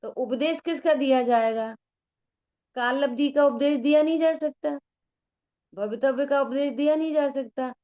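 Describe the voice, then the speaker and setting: A woman's voice: high-pitched, measured pace, warm tone. Woman teaching a scripture class. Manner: explanatory, asks the listeners questions. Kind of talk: religious study class.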